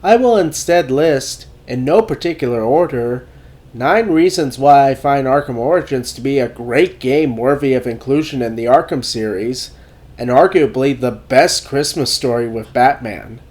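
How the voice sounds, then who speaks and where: A man getting over a cold hosts a video essay, narrating a scripted game review in a measured, deliberate manner. His voice sits at a medium pitch with a darkish tone.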